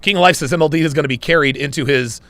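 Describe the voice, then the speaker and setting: On a casual livestream, a male host reads out viewer super chats, laughing a lot with a wry edge. His voice sits on the high side and is fairly bright, delivered very fast with no echo, and it sounds a bit strained because he's losing it.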